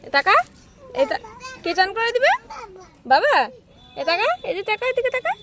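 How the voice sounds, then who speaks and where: A woman's voice: very high-pitched, big pitch swings, moderate pace. A woman scolding and coaxing her child in repeated short phrases, talking casually outdoors by a street, recorded on a phone camera. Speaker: mother. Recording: loud street noise behind.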